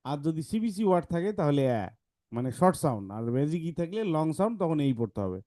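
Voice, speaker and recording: Male teacher, patient explainer, mellow voice, dry close sound. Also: on the high side, big pitch swings, dry recording. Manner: explains patiently, reads examples slowly. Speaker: English teacher. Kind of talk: online class talk to kids.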